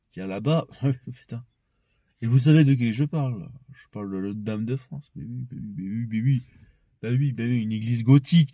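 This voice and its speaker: A man's voice: mid-range voice, mellow, no room sound. Rambling, profane young man with a dry sound. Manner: rambling, profane, laughs often, shifts into heated ranting. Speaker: vlogger. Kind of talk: casual rambling monologue.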